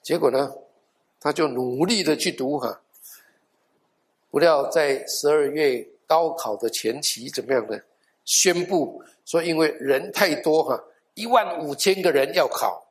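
A man preaching a sermon, telling a life story with lively acted-out quotes. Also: on the high side, unhurried. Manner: animated storyteller, acting out quoted voices.

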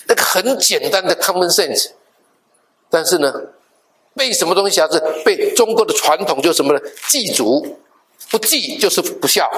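Animated preaching man, higher voice. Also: slight background noise. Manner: animated, acts out dialogue in different voices; mixes in English words. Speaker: pastor. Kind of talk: storytelling sermon.

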